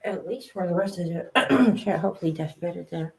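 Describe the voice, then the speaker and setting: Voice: medium pitch, brisk, husky. A person chatting casually and informally as one of a group in a live chat. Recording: faint background noise, clicks.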